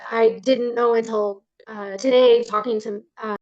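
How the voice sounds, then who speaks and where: A woman giving polite sworn testimony as a witness, halting, with long pauses. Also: fairly high pitch, fairly even intonation, darkish tone, no room sound. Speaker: witness, parent in child support case. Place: court hearing over video call. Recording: slightly dull video call audio.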